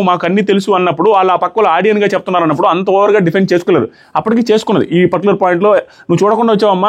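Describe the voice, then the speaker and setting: Male reviewer, high voice, rapid-fire argumentative take on a reality show. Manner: argumentative, rapid, mixes in English words. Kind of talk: opinionated show commentary to camera.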